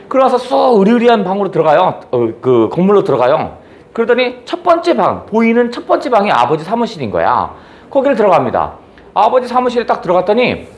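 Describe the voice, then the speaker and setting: A man giving a book lecture, retelling a story in an animated way and answering his own rhetorical questions. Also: fairly high pitch.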